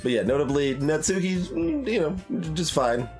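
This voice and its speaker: With video game music in the background, this male streamer talks through a blind playthrough in a casual, hesitant way, full of stammers and repeated phrases. He sounds fairly high and very animated, at a moderate pace, with a slightly mellow quality.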